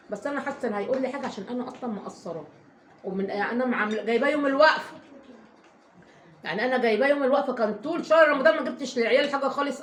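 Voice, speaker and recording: A woman with an Egyptian accent, a mother telling a long, rambling story to her viewers in a casual vlog, emphatic and full of oaths. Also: fairly high pitch. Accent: Egyptian Arabic. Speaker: family vlogger, mother. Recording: echoey room, faint background noise.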